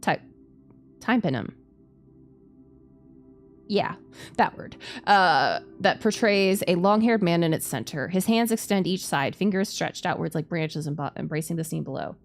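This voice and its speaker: Female streamer reading a visual novel aloud; low, gravelly edge, dramatic delivery, music underneath. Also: lively intonation, normal speed. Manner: stumbles over hard words and repeats them. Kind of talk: dramatic narration of game text. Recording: music behind the voice.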